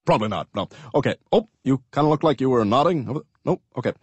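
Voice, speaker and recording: A flustered cartoon schoolteacher talking to his class, halting and awkward. His voice swings up and down with a slight husk, recorded dry and close. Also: medium pitch, lively intonation, darkish tone, slightly rough, no room sound. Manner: awkward, fumbling, trailing questions. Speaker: teacher.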